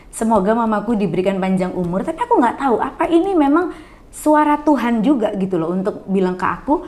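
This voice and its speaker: A woman's voice: medium pitch, darkish tone. Middle-aged woman guest telling a personal story, earnest, does little voices for the people she quotes. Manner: earnest, often acts out others in quoted voices. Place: coffee bar.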